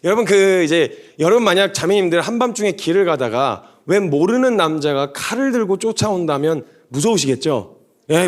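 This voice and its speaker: A man preaching a sermon to young adults, animated and storytelling with humorous asides. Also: sits high.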